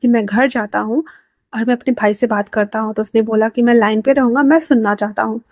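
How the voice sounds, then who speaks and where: A woman's voice: fairly high pitch, steady tone, fairly quick, a little mellow, no room sound, highs cut off. A woman casually narrating a fan fiction story in a chatty, informal way.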